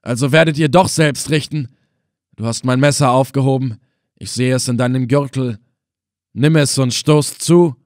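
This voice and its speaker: A bitter, scornful prisoner who snaps and rails at his captor, as a male narrator puts him on. His voice rises higher and louder than the reader's own, forceful and heated. It sounds like a storybook reading in a dry, close room. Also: normal speed, no echo, natural voice. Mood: angry, scornful.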